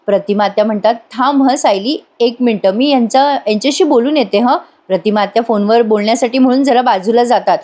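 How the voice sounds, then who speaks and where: A woman's voice: fairly high pitch, a little mellow. A woman giving a voice-over recap of a TV serial episode, briefly voicing each character's lines as she retells the scenes. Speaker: TV serial reviewer.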